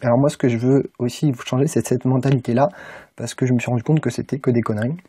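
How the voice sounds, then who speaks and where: A young man from France talks straight to his viewers in a relaxed, informal way, pausing often on filler sounds as he thinks aloud. His voice is husky and dark in tone. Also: medium pitch, no room sound. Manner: informal, many "euh" fillers, speaks directly to viewer. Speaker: English-learning YouTuber. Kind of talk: casual motivational talk to camera.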